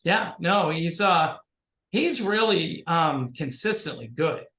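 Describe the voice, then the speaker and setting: Tinny, thin-sounding man, no bass. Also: animated, pushed and bright. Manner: rambling, halting, many fillers. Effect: thin tinny microphone sound with no bass. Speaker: interview host. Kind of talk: casual video-call interview. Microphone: home computer microphone. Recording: tinny mic in an echoey room.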